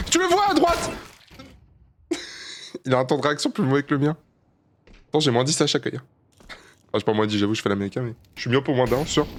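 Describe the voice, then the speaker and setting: While live-streaming a shooter, a man keeps up a running commentary full of profanity and jokes at his own expense. He mostly mutters low and calm, then suddenly bursts out in a high pitch.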